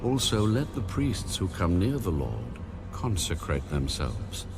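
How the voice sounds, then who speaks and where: Casting: God in an audio Bible drama, commanding, deep, very measured delivery. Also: male voice, very animated, over music, full character voice. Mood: stern warning. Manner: solemn, deliberate. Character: God, a solemn commanding male deity giving stern orders.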